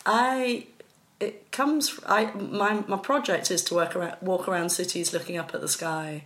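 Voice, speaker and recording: Woman, guest artist, fairly low voice, articulate, lively explanation. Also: moderate pace. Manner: articulate, lively, laughs between phrases. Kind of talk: casual interview chat.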